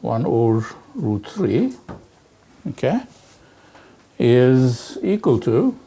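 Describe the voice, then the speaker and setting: A man lecturing on physics, working through exercises aloud in a halting way and peppering his talk with "okay" and "right". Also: mid-range voice, very animated, vocal fry, warm tone. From Turkey. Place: lecture hall.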